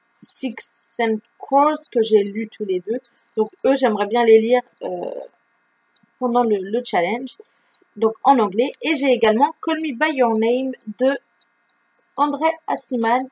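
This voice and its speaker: A woman's voice: on the high side, darkish tone, low-quality recording. A woman presenting her reading pile in a casual vlog, chatty and full of fillers and restarts. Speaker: book vlogger.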